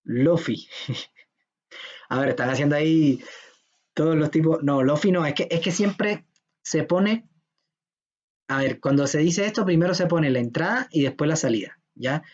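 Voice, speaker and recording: A man's voice: on the high side, a little slow, long pauses. A man giving an informal programming lecture in a chatty, joking manner, often checking that his students follow. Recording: dull lo-fi lecture recording.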